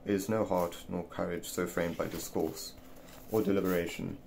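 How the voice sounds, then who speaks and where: Deep male reader, halting delivery with restarts, slight room hiss. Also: fairly even intonation, vocal fry, a little mellow. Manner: stumbling, repeating words as he reads. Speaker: reader of a classic essay. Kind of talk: reading an old text aloud.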